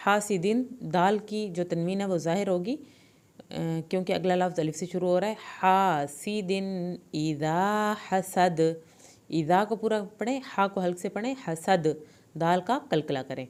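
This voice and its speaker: A woman with a fairly low, darkish voice teaches Quranic recitation with tajweed, patiently explaining each word's pronunciation step by step. The lesson features slow, drawn-out recitation.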